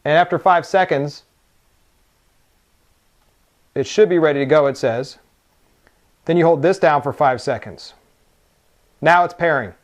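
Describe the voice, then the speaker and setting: A man with a slightly high voice does a casual unboxing and hands-on demo of a product, explaining things step by step at a normal speed with long pauses.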